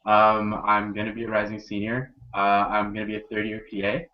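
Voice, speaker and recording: A man's voice: fairly low pitch, flat delivery, brisk. A young man, a student peer advisor, talking casually on a panel with many ums and likes. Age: young adult. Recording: dull lo-fi audio.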